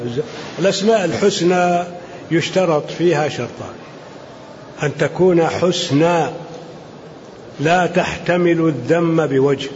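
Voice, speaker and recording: An older man from Saudi Arabia, an Islamic scholar answering questions in a measured, explanatory lecture, reading each question aloud and then rebutting it. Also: on the high side, darkish tone. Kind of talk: religious Q&A lecture. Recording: muffled lo-fi lecture recording with faint hiss.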